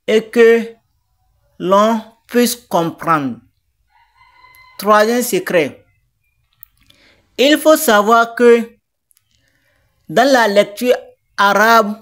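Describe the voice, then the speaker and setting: A woman teaching a reading lesson, spelling out letters and sounds one by one in a deliberate, patient way. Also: mid-range voice. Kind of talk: slow step-by-step lesson. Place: teaching centre.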